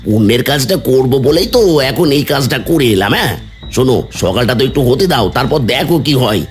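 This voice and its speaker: Cartoon: male actor as a smug village schemer, bossy and teasing, swinging pitch. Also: expressive, fast, faint music behind, natural voice. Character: scheming, smug village husband, jealous of neighbors.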